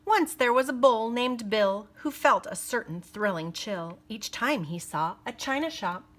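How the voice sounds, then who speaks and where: A woman reads a children's picture book aloud with a fairly high voice. Her storytelling is expressive and deliberate.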